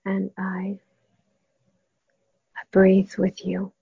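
Woman, meditation guide, soft spa-like near-whisper, very breathy, flat monotone, gentle pauses, husky. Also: mid-range voice, no room sound. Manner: slow, gentle delivery with long pauses. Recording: dull, muffled, dry close recording.

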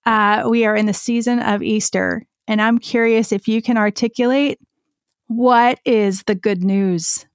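A woman's voice: a little high, steady tone, measured pace, clear, resonant tone, no echo, clean studio sound. A woman hosting an interview podcast, upbeat and enthusiastic. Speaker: podcast host.

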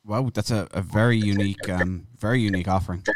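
A man's voice: fairly low pitch, steady tone, fast talker, slight background noise. A man hosting an interview, asking conversational questions that he tentatively rephrases. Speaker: podcast host, interviewer.

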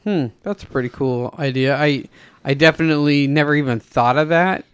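Guy cohost, slightly high smooth voice, dry close mic, easygoing. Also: dry recording. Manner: friendly, chuckling, quick interjections. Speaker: podcast co-host. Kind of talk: casual chat.

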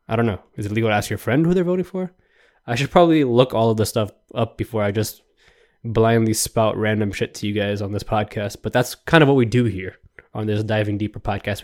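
A young man hosting a solo podcast, rambling and joking in an animated, exasperated rant. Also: fairly low pitch. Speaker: podcast host. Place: New York.

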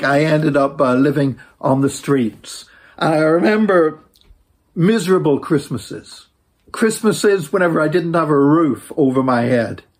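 An Irish man telling a personal testimony as a preacher, in an earnest, lilting storyteller's manner with repeated phrases for emphasis and a husky voice. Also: a little high.

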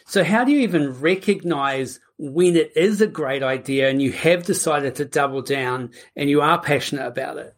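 A woman's voice: low voice, normal speed, hardly any pauses. A woman hosting a podcast in a casual, upbeat, conversational style. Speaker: podcast host.

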